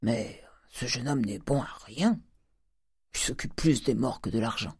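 A stingy old provincial miser speaks bluntly, drawing out his hums and grumbles, voiced by a man reading aloud. The tone is dark and mellow, and the sound is close and dry. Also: mid-range voice, measured pace, slightly rough, no echo. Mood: dismissive.

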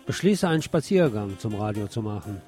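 This radio host's voice is on the low side and dark, with a sing-song lilt and slightly fast pace, set against music. Reading a scripted literary essay, he clips his phrases short and gives them a sardonic, theatrical edge.

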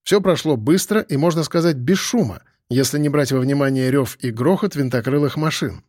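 A man reading a novel aloud as narrator, in an expressive manner. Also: mid-range voice, moderate pace, no echo, clean studio sound. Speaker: audiobook narrator. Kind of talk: scripted narration.

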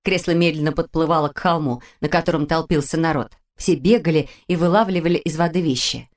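A woman narrating a children's audiobook in a calm, expressive storytelling manner. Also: deep voice, brisk. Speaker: audiobook reader.

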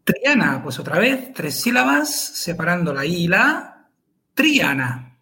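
Slow, high-voiced man explaining. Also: sing-song, vocal fry, pushed and bright. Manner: careful and methodical, spells out syllables. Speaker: podcast co-host explaining Elvish pronunciation. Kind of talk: casual explanatory chat.

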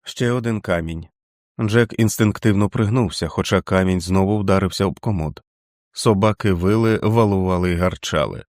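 A man narrating an audiobook in a measured, dramatic reading. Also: low voice, a little mellow, no room sound, clean studio sound.

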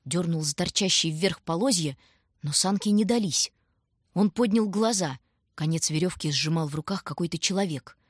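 A woman reading a story aloud in scripted, measured and dramatic narration. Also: lowish voice, husky, no echo, studio quality. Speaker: audiobook reader.

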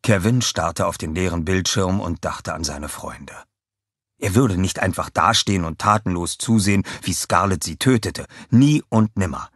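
A man reading a children's audiobook aloud with expressive storytelling narration. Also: low-pitched, moderate pace, no room sound, clean studio sound.

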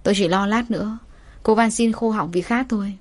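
A woman voicing a composed young man who speaks calmly with quiet menace. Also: mid-range voice, fairly quick, lightly acted. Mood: calm menacing. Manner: calm, even, quietly threatening.

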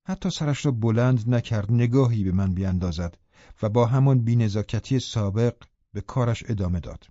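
A male audiobook narrator reads in a calm, even storytelling manner. His voice is dark and mellow, with a middle pitch. The sound is dry and a little dull, like a lo-fi studio read. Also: no room sound. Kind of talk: scripted narration.

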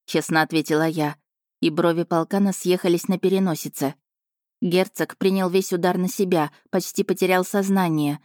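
A woman's voice: on the low side, darkish tone, dry recording, studio quality. Woman narrating a wry first-person audiobook.

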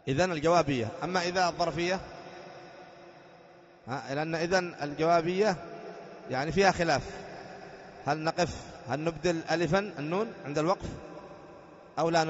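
Male sheikh, fairly high voice, patient teacher who quizzes and chants the text; muffled old lecture tape in a reverberant hall. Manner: explains patiently, quizzing students with rhetorical questions; slow sing-song chant when reading the text aloud. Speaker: sheikh teaching Arabic grammar. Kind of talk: classroom lesson reading and explaining a grammar text.

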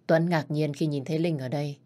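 Woman storyteller, low voice, steady dramatic narration. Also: brisk.

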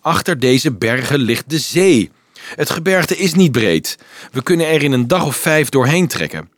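A man voicing an agitated male crusade leader who insists and pleads loudly with a crowd of children, in a storybook reading. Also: medium pitch, very animated, moderate pace, dry recording, clean studio sound. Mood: pleading.

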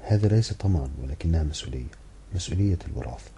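A man's voice: deep voice, animated, racing, mellow, slight background noise. A man reading the part of a passionate woman who insistently defends her friend in an audiobook. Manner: heated, insistent.

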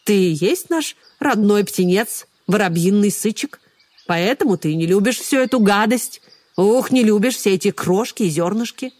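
A woman's voice: mid-range voice, animated, normal speed, darkish tone, voice pushed up, close to an everyday voice. A woman doing a sly hooting owl mother. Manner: hooting "ukh" interjections, sly.

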